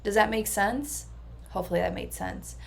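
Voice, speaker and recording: A woman's voice: mid-range voice, normal speed, vocal fry. A woman personal transformation coach talking through a casual vlog monologue in an earnest, reflective way. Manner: earnest and reflective, level delivery.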